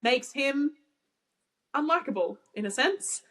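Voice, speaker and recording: Woman co-host, slow measured delivery, slightly high voice, chatty podcast tone. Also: lively intonation, a bit bright. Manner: slow and deliberate, weighing her words. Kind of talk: casual chat.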